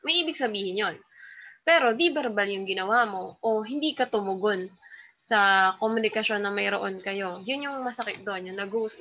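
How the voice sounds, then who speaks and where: A Filipina teacher gives a recorded lecture in a bright, clear voice. She explains patiently and chattily, with many small fillers and questions to her listeners. The sound is slightly dull and lo-fi. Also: medium pitch.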